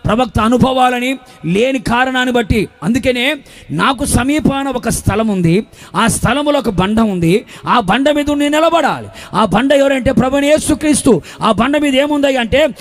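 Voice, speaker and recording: A male pastor preaching a sermon, building to shouted, half-sung emphasis and dropping low and soft for asides.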